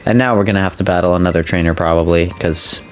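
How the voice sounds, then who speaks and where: A man's voice: sits low, steady tone, fast, fairly bright tone, clear, resonant tone. A man giving casual video game commentary, talking a little carefully with a sore mouth after having a wisdom tooth out. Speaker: video game let's player. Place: indoor voice-over recording.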